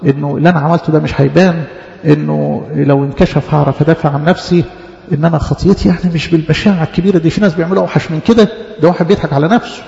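A man's voice: fairly high pitch, steady tone, racing, vocal fry, warm tone. A man preaching a sermon in an Egyptian Arabic accent, teaching earnestly and repeating his points. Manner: earnest, repetitive teaching cadence with acted quotations. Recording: dull echoey church hall.

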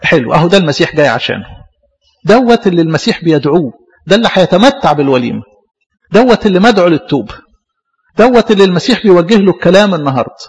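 A man's voice: sits high, sing-song, rapid-fire, slightly rough, in a large hall. A man with an Egyptian accent, a priest giving a conversational sermon and acting out little dialogues. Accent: Egyptian Arabic. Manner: conversational preaching, acts out dialogues. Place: church.

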